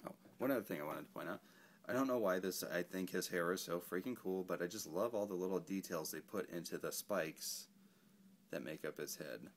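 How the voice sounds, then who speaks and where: A toy reviewer casually talks through an action figure, laid-back, rambling and correcting himself as he goes. His voice sits low and his delivery is brisk.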